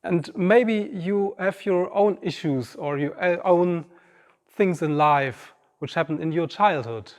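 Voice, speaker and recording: Slow-spoken man in his fifties. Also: high-pitched. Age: 50s. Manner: reflective, personal, addresses the audience directly. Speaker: speaker. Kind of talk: inspirational stage talk. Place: large auditorium stage. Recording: long reverb of a large hall.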